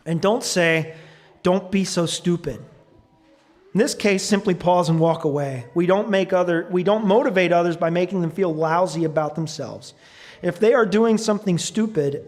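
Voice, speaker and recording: Man, church sermon, high-pitched voice, earnest, thoughtful pauses. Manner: earnest, reads quotes aloud with pauses and fillers. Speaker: preacher. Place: church sanctuary.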